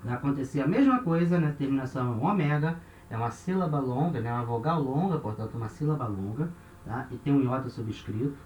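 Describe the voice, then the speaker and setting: A man teaching a recorded lesson in a patient, steady way. He checks in often with short tag questions and slows down to repeat word forms. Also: medium pitch, highs cut off. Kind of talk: recorded lesson explaining grammar. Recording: echoey room with faint noise.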